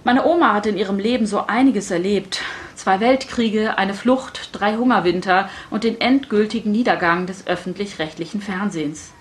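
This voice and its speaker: A middle-aged woman author reading her own prose to a live audience. Her delivery is wry and deadpan, with a self-mocking edge in an even, middle voice. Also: medium pitch, normal speed.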